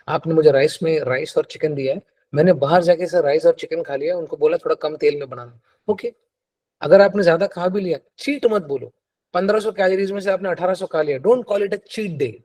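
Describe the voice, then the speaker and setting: Middle-aged coach guy talking to a room, slightly high voice, switches hindi and english, does little voices of his clients. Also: darkish tone. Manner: mixes Hindi and English, acts out clients' excuses. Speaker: fitness coach. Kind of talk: live masterclass talk. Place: room with a live audience.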